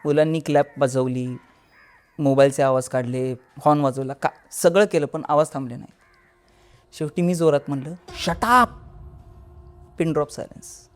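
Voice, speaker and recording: A man's voice: a little high, fairly even intonation, normal speed, darkish tone, smooth. A man, a podcast guest, telling a first-person horror story in a conversational way, with restarts, acting out what people said. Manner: vivid, acts out dialogue.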